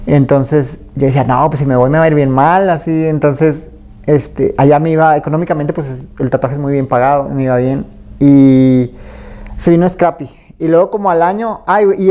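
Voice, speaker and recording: A Mexican man talks through his story in a mellow, easygoing voice. He rambles casually and leans on fillers. Now and then he acts out what others said to him. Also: a little high. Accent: Mexican Spanish. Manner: relaxed and rambling, with many fillers and acted-out quotes. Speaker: tattoo artist, interview guest.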